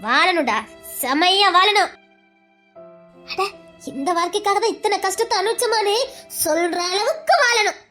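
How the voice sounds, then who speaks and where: A gentle old Tirunelveli grandmother. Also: very high voice, moderate pace, pauses often, soft background music. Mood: consoling. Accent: Tirunelveli Tamil. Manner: gentle, reassuring, earnest. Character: loving old grandmother consoling her grandson. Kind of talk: village comedy drama acting.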